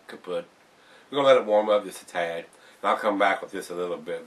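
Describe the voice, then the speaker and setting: The folksy middle-aged host reviews beer casually from a glass-shelved room in his home, greeting his audience as guys. His deep, fairly bright voice sounds distant because the camera sits on a tripod across the table, and a little hiss or hum is audible.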